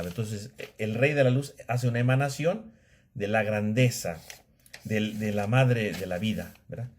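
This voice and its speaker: Guy teaching theology, chatty lecture style, keeps checking in with the class. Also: medium pitch. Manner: conversational, tag questions, frequent restarts.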